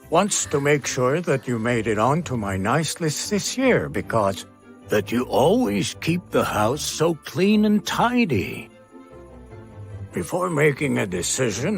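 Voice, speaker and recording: A jolly, high-swooping Santa Claus. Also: male voice, exaggerated voice. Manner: hearty, chuckling, theatrical. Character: jolly, kindly Santa Claus checking nice list. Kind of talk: personalised Christmas video greeting. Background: faint music.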